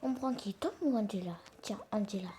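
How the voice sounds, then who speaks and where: A woman hosting casual mobile gaming commentary into a phone mic, talking in a halting way with many restarts and half-whispered asides. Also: mid-range voice, warm tone, a little hiss or hum. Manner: hesitant, halting, many self-corrections. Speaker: gaming channel host. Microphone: phone screen recorder mic.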